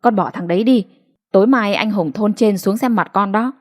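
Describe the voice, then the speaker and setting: A woman's voice: mid-range voice, normal speed, natural voice. A woman voicing a blunt, stubborn older mother who dismisses her daughter firmly, in an audiobook reading. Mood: stubborn scolding. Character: stubborn bossy old mother, blunt and domineering.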